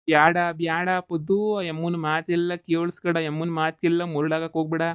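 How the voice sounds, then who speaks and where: A man's voice: on the high side, normal speed, clean tone, no echo, close to an everyday voice. A man voicing a bossy, teasing village husband who mocks his wife. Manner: mocking, flat drawl, rustic dialect. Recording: slightly dull lo-fi sound.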